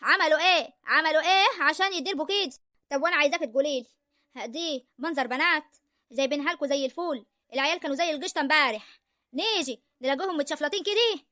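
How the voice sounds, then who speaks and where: امرأة تؤدي دور حماة ريفية مشاكسة بلهجة ريفية مصرية، تتكلم بسرعة شديدة وبنبرة عالية لاذعة في اسكتش كوميدي. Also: female voice, high-pitched, sharp tone, no room sound, clean studio sound. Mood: scolding. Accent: rural Egyptian. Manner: scolding, argumentative, fast. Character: sharp-tongued rural mother of the brides. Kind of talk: comic village sketch.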